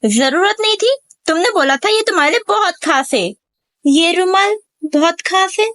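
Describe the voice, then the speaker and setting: A woman voicing a sharp-tongued, bossy young village woman with a scolding manner in an amateur animated comedy. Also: very high-pitched, moderate pace. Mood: irritated, scornful. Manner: scolding, sassy.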